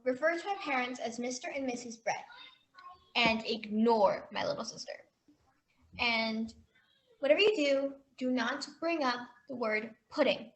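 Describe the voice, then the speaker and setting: A woman's voice: a little high, measured pace, low-quality recording. An actress playing an anxious young woman in a comedy sketch, fretting and laying down rules. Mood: bossy. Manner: nervous, fretful, over-explaining. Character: anxious young woman introducing her boyfriend. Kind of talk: amateur comedy sketch acting.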